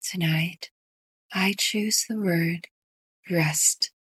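A woman guiding a sleep meditation in a soft, breathy whisper. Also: fairly low pitch, steady tone, no echo. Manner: slow, soft whispered delivery. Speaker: meditation guide.

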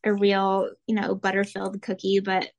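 Relaxed woman from Arizona, rambling. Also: mid-range voice, moderate pace. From Arizona, USA. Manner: relaxed, rambling, with lots of "like" and light laughs. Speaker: guest, recipe blogger and mother. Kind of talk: casual interview chat.

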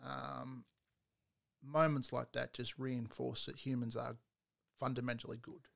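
A man's voice: mid-range voice, little pitch movement, measured pace, vocal fry. A middle-aged father co-hosting a casual podcast chat, joking and rambling.

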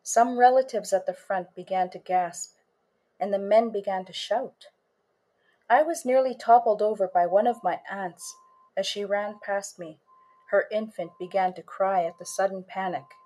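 A woman author and storyteller reading a first-person story in a measured way, lingering on images. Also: medium pitch, dark tone.

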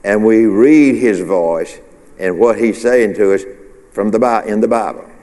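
A man with a low voice preaches in a relaxed, rambling way, stopping to ask his congregation if they follow him. His words ring out with a long reverb from the church hall around him. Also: unhurried. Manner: conversational, rambling with restarts and call-and-response. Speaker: pastor. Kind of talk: informal midweek sermon. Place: church sanctuary.

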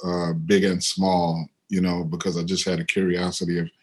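Easygoing middle-aged man, low voice. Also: normal speed. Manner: animated when quoting others, otherwise easygoing with fillers. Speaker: interviewed musician and composer. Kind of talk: relaxed storytelling. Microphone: computer on a video call.

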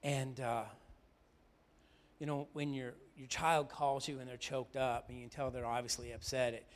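A middle-aged pastor delivers a sermon, shifting between loud, emphatic declarations and quiet, confiding storytelling. His pitch sits in the middle range with little movement, and his pace is moderate.

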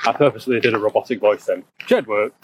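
A man's voice: fairly low pitch, quick pace. Guy rambling on a windy walk, keeps tripping over his words, faint noise behind. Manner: rambling, stammers and repeats himself, laughs often. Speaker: co-host. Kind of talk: casual chat on a walk.

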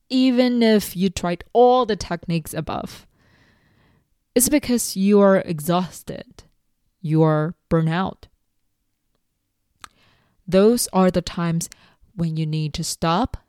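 A woman's voice: mid-range voice, darkish tone, dry recording. Upbeat woman giving tidy advice, dry close sound. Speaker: advice vlogger. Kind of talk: scripted self-help tips talk to viewers.

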